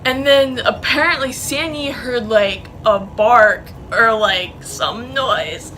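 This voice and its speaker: A woman's voice: fairly high pitch, takes it slowly, pushed and bright, a little hiss or hum, low-quality recording. A young woman telling a story in casual vlog style, rambling and profane, with many fillers. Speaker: vlogger.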